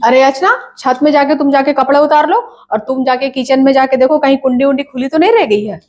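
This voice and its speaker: A woman playing a complaining, scolding mother in a comedy sketch, nagging in quick bursts. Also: high voice, lightly acted.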